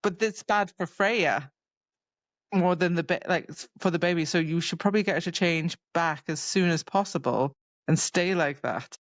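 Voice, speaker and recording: A woman with a fairly low voice co-hosts a podcast, chatting loosely and informally about books at normal speed and slipping in wry asides. The dry recording has no echo but sounds dull and a little muffled, like a modest, slightly lo-fi microphone.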